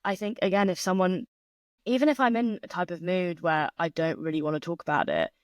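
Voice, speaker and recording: A woman's voice: on the low side, animated, dry recording. Thoughtful young woman, dry close sound. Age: 20s. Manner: thoughtful and measured, speaking openly about grief. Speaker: podcast guest. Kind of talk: candid interview conversation.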